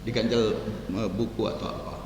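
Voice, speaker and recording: A male preacher delivering a sermon to a seated audience, his voice swinging into sharp emphatic rises as he tells stories. He sounds far from the microphone, in a long, ringing hall with faint background noise. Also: lowish voice, little pitch movement, brisk. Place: indoor hall with live audience.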